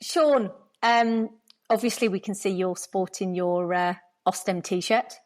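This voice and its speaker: A woman's voice: mid-range voice, slow pace. A woman hosting the podcast, chatty and jokey, who laughs often. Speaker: podcast host. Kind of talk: casual interview chat.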